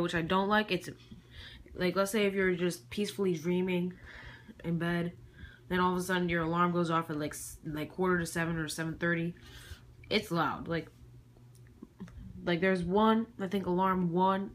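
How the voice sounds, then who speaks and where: With a mid-range, fairly bright voice, a YouTube hobbyist rambles casually through their collection, hesitant and often trailing off or correcting themselves. It's recorded on homemade camcorder audio, with background noise clearly audible.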